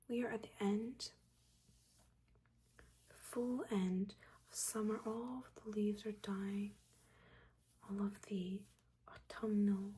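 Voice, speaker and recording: In a soft, breathy ASMR roleplay spoken mostly in whispers, a woman plays a stern witch mentor who is disappointed, nagging, and secretly caring. Her medium-pitched voice comes out halting and scolding, with a dry exasperation. Background ambience is audible in the recording.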